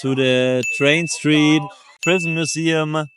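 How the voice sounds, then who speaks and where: A man's voice: on the high side, fairly even intonation, slow pace, noisy background. A man from Germany, a tourist, answering street interview questions casually with some hesitation. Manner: casual, hesitant, listing places.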